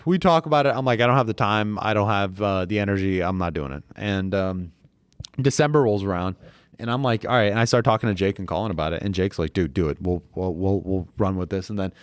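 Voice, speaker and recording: Low-voiced man telling loose stories. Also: fast talker, smooth, no echo. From United States. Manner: loose storytelling, laughs often, lots of fillers. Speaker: podcast guest. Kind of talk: casual interview chat. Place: private club room.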